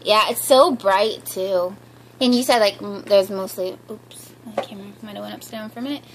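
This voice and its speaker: A woman's voice: medium pitch, fairly quick, low-quality recording. A woman chatting casually and upbeat in a home haul vlog, giggling often, filmed indoors on a handheld camera. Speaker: vlogger. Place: living room floor, indoors. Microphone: handheld camera filming from above.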